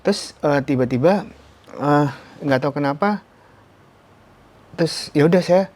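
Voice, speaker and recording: A man telling his story as an interview guest, animated, often breaking into sudden high exclamations and ending phrases with a polite "Mas". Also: measured pace. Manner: tags sentences with "Mas". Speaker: interview guest, stroke survivor.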